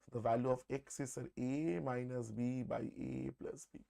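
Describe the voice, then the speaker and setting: A man with an Indian accent works through exam maths aloud as a live online teacher. His voice sits at a medium pitch. He talks conversationally, repeats himself for emphasis and mixes Hindi words into his English. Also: steady tone, normal speed, creaky, dark tone. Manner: repeats phrases, often addresses listeners as "sir". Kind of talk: live exam-prep lesson, working through problems aloud.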